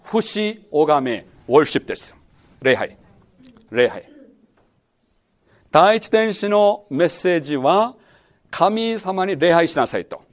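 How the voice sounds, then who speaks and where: A man's voice: high voice, very animated, unhurried, long pauses. A man teaching a Bible lesson as pastor, quizzing his listeners and repeating key words. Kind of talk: sermon-style Bible lesson.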